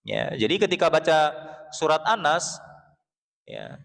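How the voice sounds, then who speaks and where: A man from West Java with a Sundanese accent, teaching Quran recitation in a mosque. He patiently explains how the letters sound, then chants verses slowly for the class to repeat, and often clears his throat. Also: mid-range voice, expressive. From Sundanese region of West Java, Indonesia. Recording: long reverb of a mosque hall.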